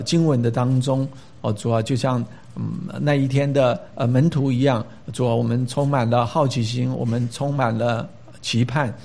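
A man preaching a sermon, reading scripture aloud and praying, stressing words and often pausing with hesitations. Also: medium pitch, vocal fry, darkish tone. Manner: emphatic, rising for stress, with frequent filler hesitations. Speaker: pastor.

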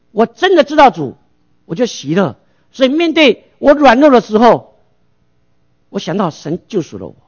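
A man's voice: high-pitched, dull audio. A male pastor preaching a sermon, asking rhetorical questions and answering them himself.

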